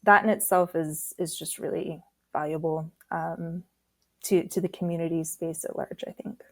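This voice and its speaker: A woman's voice: low-pitched, fairly even intonation, moderate pace. A woman hosting a podcast, telling a story in casual conversation and laughing often. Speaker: podcast host.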